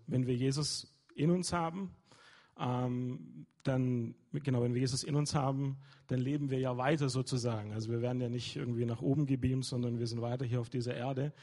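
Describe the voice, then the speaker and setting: Hesitant, husky-voiced man preaching. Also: mid-range voice, mellow. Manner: hesitant, many fillers and restarts. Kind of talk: informal sermon.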